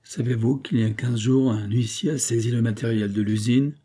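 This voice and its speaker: A man voicing a jovial, gossipy old male peddler in a storybook reading, hearty and loud. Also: mid-range voice, fairly even intonation, normal speed, natural voice.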